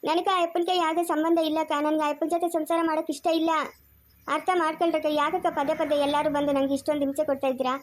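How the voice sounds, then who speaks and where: A bitter, defiant young mother with a rural Chikkaballapur Kannada accent, as an actress plays her in an amateur family drama. Her voice is high and her words come fast. She throws out accusing questions and refuses to give way. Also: flat delivery, close to an everyday voice. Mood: refusing.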